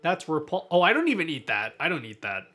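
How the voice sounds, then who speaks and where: A man's voice: fairly high pitch, huge pitch swings, fast, pushed and bright, faint music behind. A man streaming live, chatting casually with viewers and answering their questions in a laid-back way, often laughing and trailing off mid-sentence.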